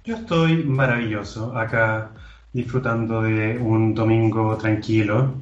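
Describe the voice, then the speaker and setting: A man's voice: fairly low pitch, fairly even intonation, measured pace. A man chatting casually as a podcast co-host. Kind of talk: casual chat. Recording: roomy echo, dull lo-fi audio.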